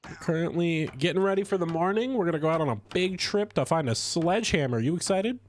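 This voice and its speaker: A man chatting casually while streaming a game, stuffy from a cold, rambling with lively swings in pitch. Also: fast talker. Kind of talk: casual gameplay commentary.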